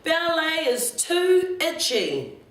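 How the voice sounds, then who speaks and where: A woman voicing a cranky little girl with shrill, stubborn outbursts. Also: sing-song, measured pace. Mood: cross. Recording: roomy, distant library recording.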